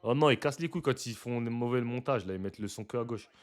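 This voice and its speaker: A young man giving casual live reaction commentary to basketball footage, slangy and chatty, breaking into loud excited exclamations. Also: medium pitch, fast.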